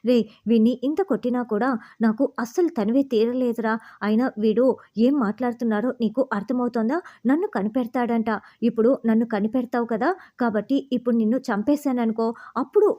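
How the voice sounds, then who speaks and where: A woman's voice: fairly high pitch, steady tone, fairly quick, mellow, lo-fi sound, lightly acted. A woman reading a furious hot-headed young man.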